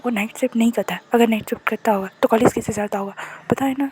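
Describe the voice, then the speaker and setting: A woman's voice: a little high, steady tone, quick pace, noisy background, close to an everyday voice. A woman voicing a strong-willed middle-aged mother who speaks insistently and indignantly.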